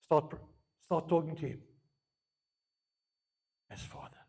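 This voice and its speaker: A man's voice: fairly high pitch, fairly even intonation, slow, gravelly, darkish tone, slightly rough. A man preaching a sermon as pastor, earnest, moving between Afrikaans and English and repeating phrases for emphasis.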